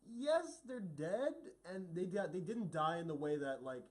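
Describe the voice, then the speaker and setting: A young man co-hosting a casual film review chat, animated, his pitch jumping up when he makes a point. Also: a little slow.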